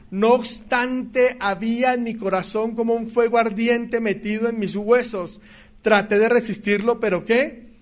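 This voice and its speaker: A male preacher giving an emphatic sermon that swings between loud declarations and quiet asides. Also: sits high.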